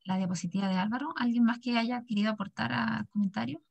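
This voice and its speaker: A Chilean woman in her thirties hosts a video call from a small bright office and talks into her laptop mic. She chats along and reads out comments from the chat with lively ease. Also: a little high, quick pace, creaky, lo-fi sound. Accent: Chilean Spanish. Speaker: session moderator. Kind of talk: warm moderating of a video call. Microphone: laptop webcam mic on a video call.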